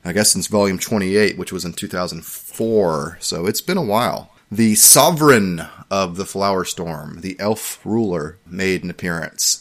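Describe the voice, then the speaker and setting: Male podcast host, low voice, chatty and self-deprecating, casual chat. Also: a bit bright.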